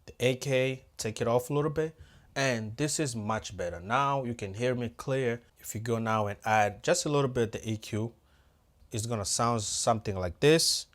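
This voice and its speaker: At a moderate pace and in a mid-range voice, a male AV technician demonstrates audio work hands-on. He speaks casually and directly to his "guys," musing aloud as he makes adjustments to the gear.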